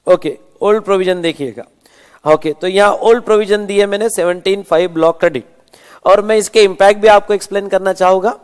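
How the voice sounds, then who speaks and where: A man's voice: high-pitched, a little fast, clean tone, long reverb tail. A man giving an exam revision lecture, calling students "beta" and repeating points with frequent "okay". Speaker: teacher.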